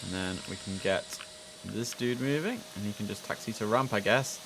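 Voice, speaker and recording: A male game streamer with a lowish voice talks at a moderate pace while working tower control in an air traffic control simulator. His casual live commentary is chatty and informal, and he thinks aloud over noticeable vehicle ambience and background noise.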